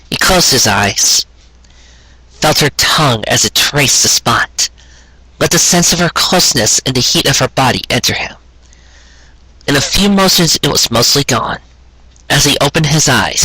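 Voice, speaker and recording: A man reads sentimental romance fan fiction aloud as scripted narration, with earnest, dramatic storytelling. His mid-range voice is bright and forward with a husky grain, recorded dry and close with no echo, and the recording quality is rough.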